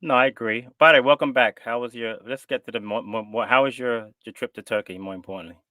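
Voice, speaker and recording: A man's voice: mid-range voice, fast talker, sharp tone, no echo, clean studio sound. A man giving casual football punditry as a co-host, emphatic and often repeating himself.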